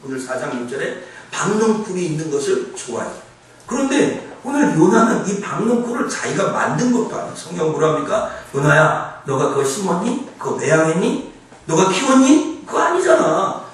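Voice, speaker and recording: Preaching in a church sanctuary, this man speaks in a high-pitched voice, keeping things animated and conversational as he often quizzes the congregation. The recording comes from far back in a reverberant hall.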